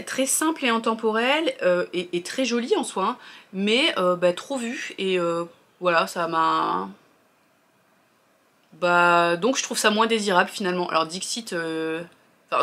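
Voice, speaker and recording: A woman talking casually in a vlog review, chatty and hesitant, often pausing on fillers and restarting her sentences. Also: lowish voice, a bit bright.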